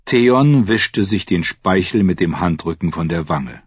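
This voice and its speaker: Audiobook narrator: man, slow deliberate read, husky low voice, dry dull recording. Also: expressive, dry recording. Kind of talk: scripted narration.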